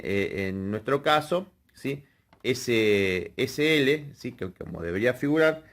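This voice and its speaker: A man teaching a hands-on wiring lesson, explaining step by step and often checking in with the viewers. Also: fairly high pitch. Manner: explanatory, checks in with frequent "¿sí?" and "fíjense". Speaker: electrical workshop instructor.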